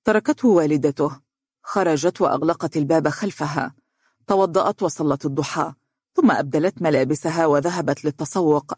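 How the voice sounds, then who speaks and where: Steady storyteller reading in Arabic. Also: medium pitch, husky, no echo, studio quality. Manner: steady, measured narration. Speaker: narrator.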